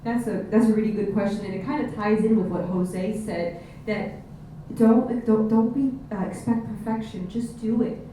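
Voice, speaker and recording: A woman's voice: medium pitch, normal speed, warm tone. A woman with a Miami accent giving direct, motivational advice as a panelist. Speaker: panelist, business owner. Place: panel event room with an audience. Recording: echoey room, distant mic, faint noise.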